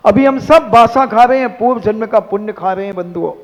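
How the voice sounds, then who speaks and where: A male Jain monk giving a sermon with animated, rhetorical scolding and mimicry. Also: sits high, brisk. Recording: dull sound in a long-echo hall.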